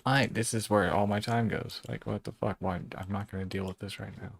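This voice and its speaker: A man with a fairly low, gravelly voice talks to himself as he works at a computer. He grumbles and swears at the software, half under his breath, in loose casual muttering. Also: steady tone, brisk. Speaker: streamer fixing computers.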